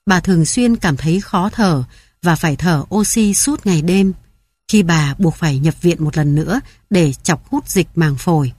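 Calm, low-voiced woman narrating. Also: no room sound. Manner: calm, measured reading. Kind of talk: scripted audiobook narration.

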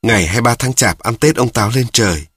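A man narrating a story in a steady, matter-of-fact way. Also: mid-range voice, fast, slightly rough, dry recording, clean studio sound. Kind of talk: audiobook narration.

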